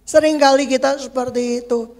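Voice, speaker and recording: High-voiced joking male pastor. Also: steady tone, brisk, a little mellow. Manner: humorous, acts out congregants' voices. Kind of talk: sermon.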